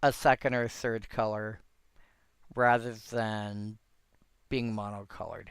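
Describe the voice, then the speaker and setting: A man talks slowly, with a gravelly edge under a smooth, resonant voice. He thinks aloud in a rambling way, often restarting his sentences. The sound is dry and close. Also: lowish voice, fairly even intonation, no echo. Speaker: host reviewing old game cards. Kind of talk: casual solo commentary.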